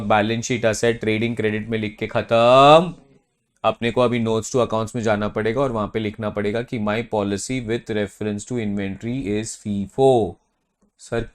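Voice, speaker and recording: A man giving a classroom accounting lecture, stressing key terms and often checking that students follow. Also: medium pitch. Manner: emphatic, mixing Hindi and English, checks understanding often.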